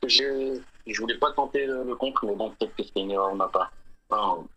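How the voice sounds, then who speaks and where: A man's voice: on the low side, brisk, pushed and bright, husky, poor audio. A man talking casually and in slang with his opponent during a game. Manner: informal, slangy. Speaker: gaming partner, opponent. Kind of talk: casual chat while playing a game.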